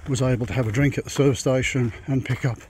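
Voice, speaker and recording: A man with a medium-pitched voice talks fast in a fairly even tone, vlogging casually while walking a long pilgrimage route and rambling through his plans as he thinks aloud. He's outdoors on a rural dirt track, and the recording is noisy from walking, with countryside sounds behind him.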